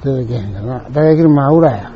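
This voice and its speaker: A man's voice: mid-range voice, expressive, normal speed, slight background noise. An older man with a Kansai accent telling a rambling personal anecdote in a chatty, colloquial, digressive way. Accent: Kansai Japanese. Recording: dull lo-fi recording.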